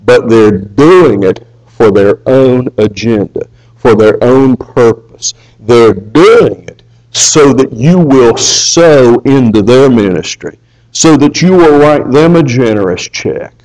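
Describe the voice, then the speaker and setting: A man preaching a sermon, reading scripture aloud and swinging between raised emphasis and hushed asides. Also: mid-range voice, lively intonation, slow, rough recording.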